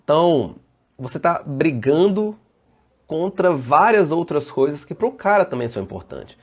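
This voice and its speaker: A man's voice: medium pitch, slightly rough. A Brazilian man, a safety engineer and trainer, giving a casual live online presentation and answering viewer comments as he goes. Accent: Brazilian Portuguese.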